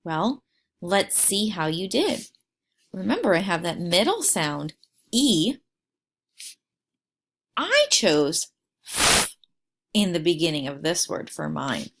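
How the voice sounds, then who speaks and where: A woman teacher giving a phonics lesson to young learners, sounding out words slowly and clearly and encouraging them. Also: fairly low pitch, sing-song, a bit bright, slight background noise.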